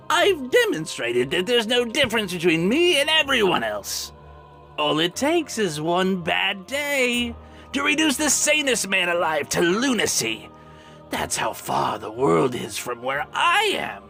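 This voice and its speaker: A man playing a gleefully mad, bitter villain in a theatrical dramatic monologue, taunting with a gravelly, sharp-edged voice. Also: high voice, exaggerated voice. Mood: quietly menacing. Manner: theatrical, swooping from hushed menace to manic shrieks. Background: music.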